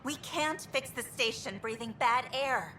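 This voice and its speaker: A woman's voice: high voice, measured pace, bright, forceful tone, a little hiss or hum. A woman voicing a frustrated female engineer on a space station, venting in an earnest, exasperated way.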